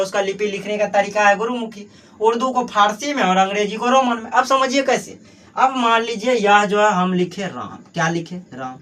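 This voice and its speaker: A young man with a Bihari Hindi accent and a notably high voice leads an exam-prep grammar lesson. He keeps putting questions to the class and answering them himself, and he leans heavily on the filler "jo hai" as he explains. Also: a bit bright. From Bihar, Mithila region. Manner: asks and answers his own questions, heavy filler "jo hai". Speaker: teacher.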